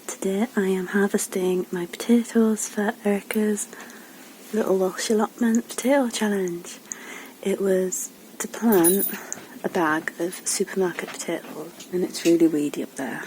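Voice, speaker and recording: A chatty woman narrating her own gardening vlog, talking in a relaxed everyday way and turning to her dog now and then. Her voice sits at a middling pitch. She records outdoors at an allotment with plenty of noise behind her. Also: a little slow, rough recording. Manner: chatty, talks to her dog while working. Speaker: gardening vlogger.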